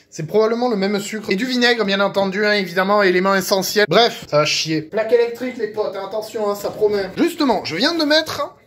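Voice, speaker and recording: A man's voice: sits high, fairly bright tone, slight background noise. Rambling, foul-mouthed young man cooking. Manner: rambling, swears constantly, self-mocking. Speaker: cooking vlogger. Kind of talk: chaotic improvised cooking vlog. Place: home kitchen.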